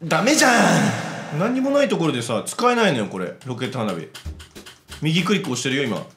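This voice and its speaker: A man giving casual let's-play commentary, chatty and excitable, talking to himself as he plays. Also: fairly high pitch, brisk, slight background noise. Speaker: game commentator. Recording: roomy echo with background music.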